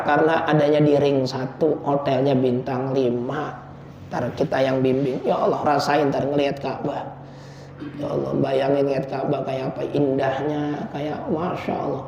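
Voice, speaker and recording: A man preaching, telling stories with jokes and loud emotional peaks. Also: a little high, a little hiss or hum. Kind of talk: informal religious study talk. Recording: echoey room, dull lo-fi sound.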